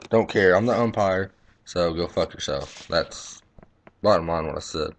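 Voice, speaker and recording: A young man tells his umpiring stories in a low, deep voice, blunt and full of swearing. The talk is loose and casual, like a home video vlog, with faint clicks in the background. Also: moderate pace, a little hiss or hum. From Texas. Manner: profane, blunt, boastful storytelling. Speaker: baseball umpire.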